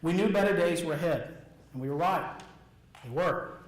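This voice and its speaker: A high-voiced American man from Alabama, a motivational speaker, gives an earnest, rehearsed personal testimony to an audience in an echoey room. He speaks deliberately, with emphatic short phrases and repetition.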